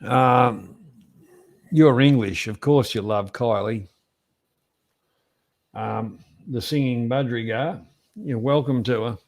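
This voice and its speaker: A man's voice: medium pitch, slow, long pauses. A middle-aged man with an Australian accent, hosting in a casual, rambling, slangy way and telling anecdotes. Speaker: host of a trivia show.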